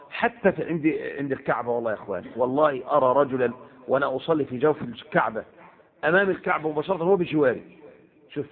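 Impassioned Egyptian preacher, tinny audio. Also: male voice, on the high side. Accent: Egyptian Arabic. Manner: impassioned, swings between loud exclamations and hushed asides. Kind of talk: sermon.

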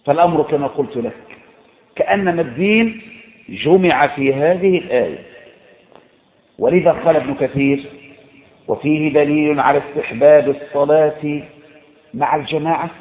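A man with an Egyptian Arabic accent preaching a sermon, emphatic and repetitive, swinging between loud exhortation and low, intense tones. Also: moderate pace, long pauses. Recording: echoey, phone-like lo-fi recording.

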